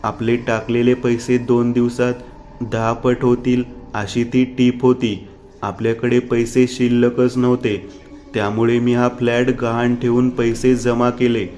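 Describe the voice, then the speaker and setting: A man's voice: mid-range voice, flat delivery, measured pace, a little mellow, slight background noise, lightly acted. A man voicing a desperate young man who has lost everything, panicked and pleading. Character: desperate young man ruined by bad investment.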